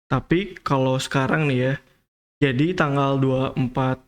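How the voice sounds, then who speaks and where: A young man from Indonesia, a podcast guest, telling of his studies abroad in a relaxed, hesitant way full of fillers. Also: mid-range voice, normal speed. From Tasikmalaya, Indonesia. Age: young adult. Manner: relaxed, hesitant, many fillers and "kayak gitu". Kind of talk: casual podcast interview.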